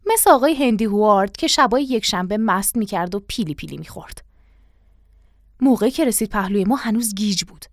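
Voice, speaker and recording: A woman narrating a story in an expressive, animated reading style, recorded on a close studio mic. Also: mid-range voice, no echo.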